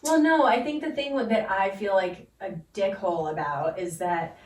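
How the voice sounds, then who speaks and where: A woman's voice: mid-range voice, normal speed, slight background noise. Young woman, podcast co-host, rambling, laughs a lot, swears, roomy and distant sound. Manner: rambling storyteller, laughs often, swears freely. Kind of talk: casual chat. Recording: echoey room, mic at a distance.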